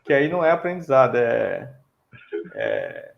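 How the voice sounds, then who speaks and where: Gravelly Brazilian examiner, measured. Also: male voice, mid-range voice, wildly swooping pitch, muffled recording. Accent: Brazilian Portuguese. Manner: measured, tag questions, frequent fillers. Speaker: examiner at a thesis defense. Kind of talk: academic critique.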